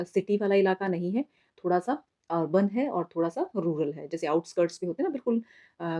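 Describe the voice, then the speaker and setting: Warm low-voiced woman teacher explaining. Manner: patient, explanatory, calls listeners "beta". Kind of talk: exam summary lesson in mixed Hindi and English. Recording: slightly dull lo-fi recording.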